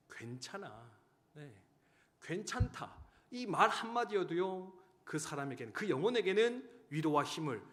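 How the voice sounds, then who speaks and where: A man in his thirties, a pastor giving a sermon, who tells stories and swings between loud urging and hushed, quiet lines. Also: mid-range voice. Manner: storytelling, swinging from loud exhortation to hushed tones. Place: church sanctuary. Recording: church hall reverb.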